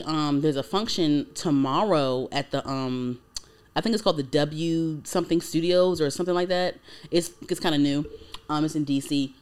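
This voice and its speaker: A woman's voice: low voice, darkish tone. A woman in her twenties co-hosting a casual podcast, talking in a loose, rambling way full of likes and ums. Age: 20s. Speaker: podcast co-host.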